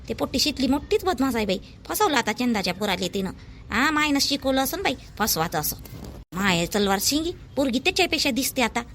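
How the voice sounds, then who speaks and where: A middle-aged woman, gossiping and calling out loudly in a village comedy sketch. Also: on the high side. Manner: calls out loudly, chatty gossiping. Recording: faint background noise.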